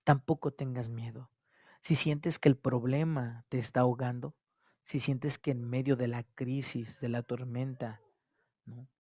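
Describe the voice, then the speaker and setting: A man with a Mexican Spanish accent, preaching a sermon at a church service, repeating his phrases and swinging between loud exhortation and hushed tones. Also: mid-range voice, steady tone, unhurried, no echo, clean studio sound. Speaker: pastor.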